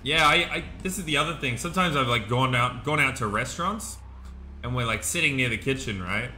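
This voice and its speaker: A young man chatting excitably while commentating his own gameplay, laughing often. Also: mid-range voice, a little fast, a little hiss or hum. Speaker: gaming streamer.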